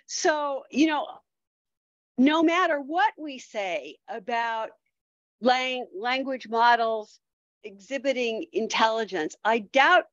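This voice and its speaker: A woman's voice: a little high, lively intonation, slow, a bit bright, dry recording, dull audio. A woman giving an academic lecture, thinking aloud with frequent restarts and fillers.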